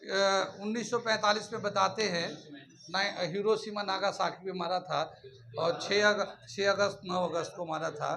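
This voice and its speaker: A man's voice: high voice, steady tone, moderate pace, creaky, sharp tone. A man teaching a physics lecture, explaining step by step and often checking with his students. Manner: explains in Hindi mixed with English terms, often checks with "ठीक है ना". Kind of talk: classroom lecture.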